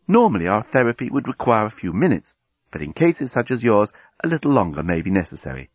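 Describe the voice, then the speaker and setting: A man voicing a calm, polite machine that reassures a client. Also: fairly low pitch, fairly quick, husky, no echo, highs cut off. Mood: reassuring. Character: soothing automated beauty machine voice.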